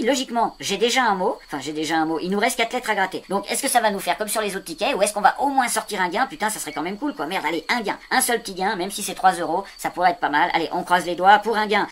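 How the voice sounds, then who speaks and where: A man's voice: high-pitched, fairly bright tone. A man giving casual running commentary to his viewers as he scratches tickets, rambling and swearing often. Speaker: video creator.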